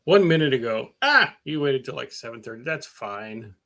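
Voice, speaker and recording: On his casual car-work stream, a middle-aged man speaks in a medium-pitched, animated, sharp voice at normal speed. He rambles with plenty of fillers, pokes fun at himself, and reads comments from viewers.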